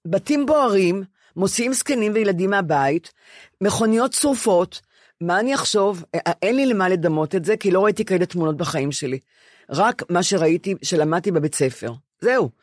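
A woman's voice: medium pitch, expressive, dry recording. Older israeli woman on a podcast, stops and restarts a lot, emotional, dry studio sound. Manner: halting, emotional, full of restarts. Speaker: podcast co-host. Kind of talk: casual conversation.

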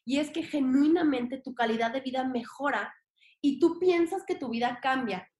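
A young woman with a Mexican accent speaks high and bright, talking casually as a podcast guest. She is expressive and slangy and slips into little voices for her own thoughts. The room around her rings with noticeable echo. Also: normal speed. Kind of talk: casual conversation. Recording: echoey room.

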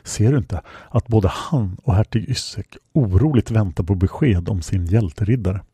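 A man voicing a young servant woman in whispered role-play, hushed and confiding. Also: on the low side, slightly rough, no echo.

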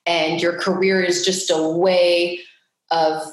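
An actress from Geneva, Switzerland, appears as a podcast guest, reflecting casually on her life with hesitant phrasing. Her fairly low voice is level and slow, and the room sounds very echoey.

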